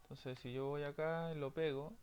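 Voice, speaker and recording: A man's voice: on the high side, steady tone, moderate pace, darkish tone, highs cut off, a little hiss or hum. A man teaching programming in a screen-recorded lesson, checking in often with his students. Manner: frequent "¿ya?" check-ins, explanatory.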